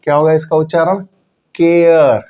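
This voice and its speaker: A man's voice: a little high, expressive, slow, darkish tone, lo-fi sound. A man teaching English pronunciation, drilling example words by asking and repeating them. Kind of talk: classroom-style lesson.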